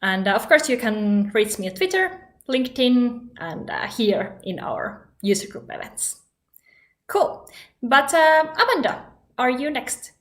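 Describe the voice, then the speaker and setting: A woman's voice: fairly high pitch, big pitch swings, measured pace. A woman from Finland hosting a live online panel, upbeat and a little giggly, with some hesitation. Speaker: host.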